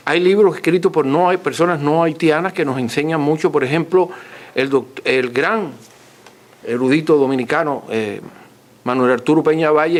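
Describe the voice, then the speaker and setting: A man speaks off the cuff like a lecturer. He explains in a didactic, courteous way and restates his points for emphasis. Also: fairly high pitch. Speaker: author and lecturer answering audience questions. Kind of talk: extempore scholarly talk.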